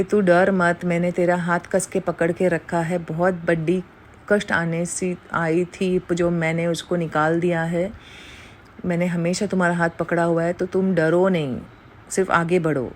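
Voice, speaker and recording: A woman's voice: fairly low pitch, darkish tone, slight background noise. A middle-aged woman giving an earnest devotional testimony to a congregation, mixing Hindi with English phrases.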